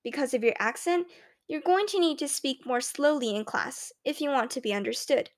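A woman voicing a polite, prim schoolteacher who speaks to her class with measured, formal diction. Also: high-pitched, expressive. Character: female schoolteacher, polite, prim, quietly pitying.

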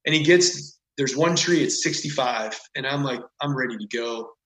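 A man's voice: medium pitch, normal speed. A man as a podcast guest, telling a story casually and animatedly, with lots of "like" and "whatever.". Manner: animated, rambling with frequent "like" and "whatever". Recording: echoey room.

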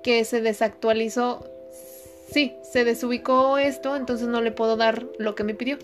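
A woman's voice: a little high, steady tone, moderate pace, faint music behind. A young Mexican woman telling gossip in a casual chat, swearing freely and acting out dialogue. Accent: Mexican Spanish.

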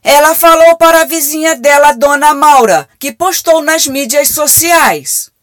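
A woman's voice: high-pitched, a little slow, fairly bright tone, no echo. A Brazilian woman playing a cheeky, slangy AI telemarketing assistant in a comic radio play. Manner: breezy, slangy, scripted assistant patter. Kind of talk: radio comedy sketch acting.

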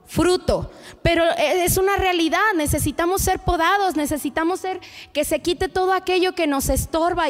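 A woman's voice: sits high, in a large hall. A woman preaching a sermon in an earnest, conversational way, speaking straight to the listener.

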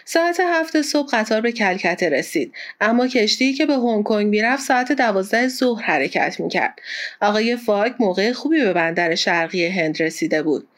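A woman narrating an audiobook in a steady storytelling manner. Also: mid-range voice.

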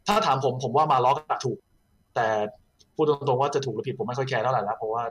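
A man's voice: medium pitch, quick pace, fairly bright tone, breathy edge. A young man working as an esports analyst in a casual post-match chat, explaining things at length and adding wry jokes.

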